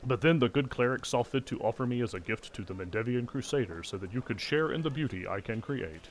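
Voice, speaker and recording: A man's voice: mid-range voice, expressive, a little fast, slight background noise, close to an everyday voice. A man doing a staccato clockwork golem. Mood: proud, chirpy. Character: vain cheerful male gem golem automaton. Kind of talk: reading game dialogue aloud.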